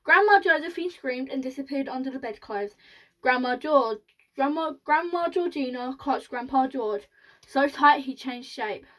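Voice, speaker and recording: A woman's voice: high voice, a bit bright, low-quality recording. A woman reading a children's book aloud, with small restarts and slips. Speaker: storyteller.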